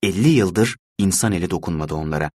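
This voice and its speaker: A man reading a dark tale aloud in the first person, measured and brooding. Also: deep voice, no room sound, studio quality. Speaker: narrator. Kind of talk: dramatic audiobook reading.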